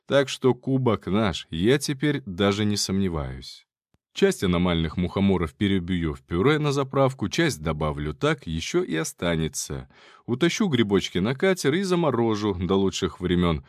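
Low-voiced male audiobook narrator. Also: sing-song, normal speed, no echo, clean studio sound. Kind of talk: casual first-person audiobook narration.

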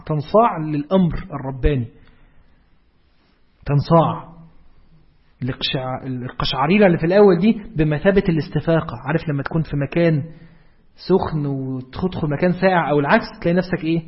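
A man's voice: sits high, breathy edge, highs cut off. A man with an Egyptian Arabic accent giving a religious lecture, explaining step by step and asking his listeners rhetorical questions. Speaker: preacher.

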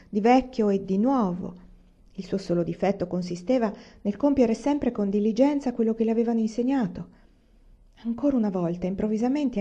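A woman reads a novel aloud in a calm, measured audiobook style. Her voice is dark and mellow, and the recording sounds dull and lo-fi. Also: medium pitch. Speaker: reader.

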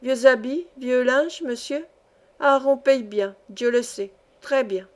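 Woman doing a fawning old peddler guy, coaxing sing-song, kinda high. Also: slow. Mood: wheedling. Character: wheedling old male peddler, fawning and greedy.

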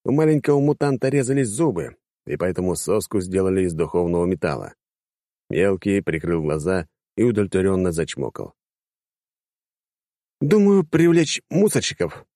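Male audiobook narrator, low voice, wry and animated, dry close recording. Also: fairly quick, dry recording. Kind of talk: first-person audiobook narration.

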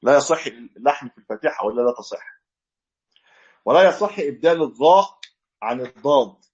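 Animated and brisk, a sheikh with a medium-pitched, darkish voice teaches a fiqh text over dull audio. He goes through the religious lesson step by step and models proper recitation.

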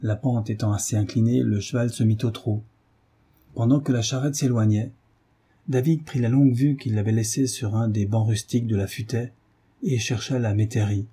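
Very husky dark-voiced male narrator. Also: medium pitch, steady tone. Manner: measured, dramatic storytelling. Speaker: audiobook reader. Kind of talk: scripted narration.

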